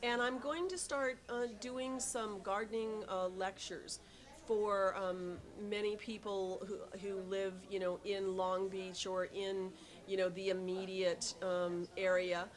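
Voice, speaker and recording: A woman's voice: medium pitch, fairly even intonation, slow pace. A middle-aged woman who runs a tea shop, answering interview questions with many ums and restarts and an eager tone.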